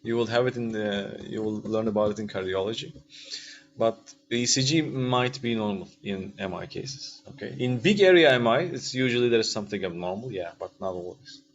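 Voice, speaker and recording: This man, a radiology lecturer with a Turkish accent, speaks fairly quickly in a fairly low voice. His online video-call class is informal and interactive, delivered in second-language English with hesitant phrasing and frequent checking questions, on a dull lo-fi line with faint noise.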